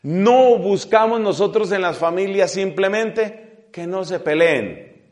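Man, priest, fairly high voice, middle-aged, emphatic retreat talk, stretched words, trailing off soft. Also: takes it slowly. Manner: emphatic, drawing out key words then dropping his voice. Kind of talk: spoken retreat talk to clergy.

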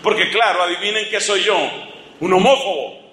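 A man's voice: high-pitched, fairly even intonation, normal speed, bright, forceful tone, a little hiss or hum. A man preaching a sermon in an impassioned, sarcastic and rhetorical way, recorded in an echoing hall.

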